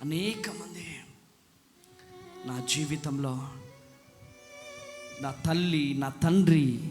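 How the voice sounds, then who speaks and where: A man with a high voice preaches slowly and with passion, sinking to near-whispers and then shouting out. His sermon rings through a large hall with a long reverb. Music plays clearly underneath. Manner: impassioned, swings from hushed to shouting. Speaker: pastor.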